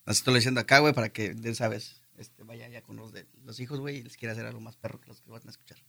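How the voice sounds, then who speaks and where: A man's voice: medium pitch, fairly even intonation, fast talker, creaky, sharp tone. A man with a Mexican Spanish accent, joking and directing others while recording radio promos.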